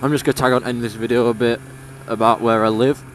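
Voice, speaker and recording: Outdoors on his scooter, a late-teen English motovlogger with a broad Yorkshire accent chats away in a laid-back manner, laughing occasionally. He talks fast at medium pitch with little pitch movement, while engine and traffic noise murmur faintly.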